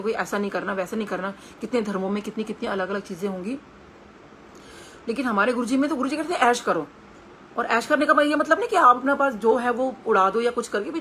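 A middle-aged woman with an Indian Hindi accent leads a devotional satsang talk. She speaks in a slightly high voice, earnest and conversational, pausing and restarting as she tells her stories. A faint hiss of noise sits under the recording. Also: fairly bright tone.

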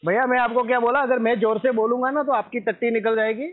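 A man's voice: very high-pitched, flat delivery, fast, noisy background. A man on a phone call, refusing to pay a debt and answering bluntly, with threats and swearing. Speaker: debtor on a recovery call. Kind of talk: heated phone argument. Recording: tinny phone line.

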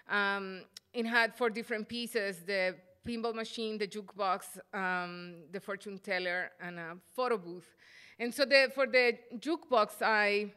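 A woman's voice: mid-range voice, fairly bright tone, clean tone. Salvadoran-born woman lecturing at a podium. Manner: thoughtful, halting with frequent fillers. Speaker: artist giving a lecture. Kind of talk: lecture presentation. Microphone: podium microphone.

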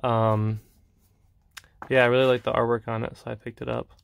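A young man casually showing off his manga collection, rambling with fillers and soft laughs. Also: medium pitch, little pitch movement, normal speed, gravelly, smooth, no echo, clean studio sound.

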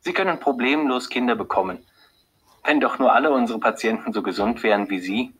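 A man reading an audiobook, voicing a composed, earnest female lab doctor who delivers hard news calmly and hesitantly, with a husky voice. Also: mid-range voice, fairly quick, poor audio. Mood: reassuring. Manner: calm, earnest, hesitant when giving bad news. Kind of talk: audiobook character voice.

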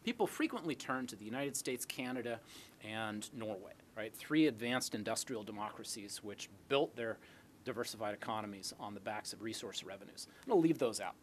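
Fielding questions from the audience in a lecture hall, a middle-aged academic speaker explains his points with rhetorical questions. His fairly low voice is animated and brisk, and the recording is noisy.

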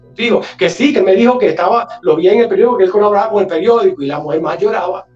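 High-voiced man telling a story. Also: rapid-fire, far from the mic, lo-fi sound, soft background music. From Galicia, Spain. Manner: animated, acts out dialogue. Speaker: guest. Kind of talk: storytelling anecdote.

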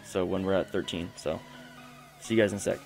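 Low gravelly young man narrating gameplay. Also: fairly even intonation, fairly quick, a little mellow. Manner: chatty, self-interrupting play-by-play. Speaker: gaming channel host. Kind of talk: casual game commentary. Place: home room. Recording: faint background music.

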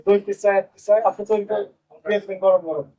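Stern Bangladeshi officer grilling a shopkeeper. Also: male voice, high-pitched, fairly even intonation, rapid-fire, warm tone, low-quality recording. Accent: Bangladeshi Bengali. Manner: stern, probing, repeats questions. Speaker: consumer rights officer on an inspection. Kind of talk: on-the-spot questioning during a raid. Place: bakery premises, indoors.

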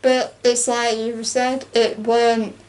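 A woman's voice: fairly high pitch, slow pace. A young woman chatting casually about a film she watched, acting out lines and laughing as she goes. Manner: chatty and animated, acts out quotes with laughs. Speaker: co-host. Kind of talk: casual chat reviewing a film.

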